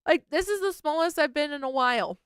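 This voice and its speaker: A woman's voice: high-pitched, animated, brisk, a bit bright, dry recording, clean studio sound. A woman co-hosting a podcast over a video call, chatting casually and candidly, laughing often and swearing freely. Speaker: podcast co-host. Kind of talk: casual chat.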